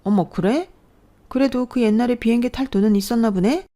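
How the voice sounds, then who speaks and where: A woman's voice: mid-range voice, animated, a little fast, darkish tone, voice pushed up, natural voice. A woman voicing a snobbish, mocking middle-aged sister-in-law who talks down to others in a radio story reading. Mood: sneering. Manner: sneering, condescending.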